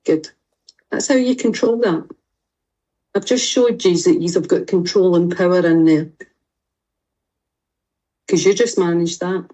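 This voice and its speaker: A woman's voice: lowish voice, unhurried, pauses often, mellow. Direct Scottish woman coaching a group. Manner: direct, reassuring, guiding exercises. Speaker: fitness and mindset coach.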